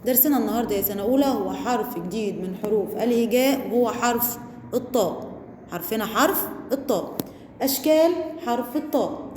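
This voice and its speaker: A woman with an Egyptian Arabic accent teaching a first-grade reading lesson, drawing out syllables slowly for children to repeat. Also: on the high side, animated, a little mellow, slight background noise. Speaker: primary school Arabic teacher. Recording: echoey room with long reverb.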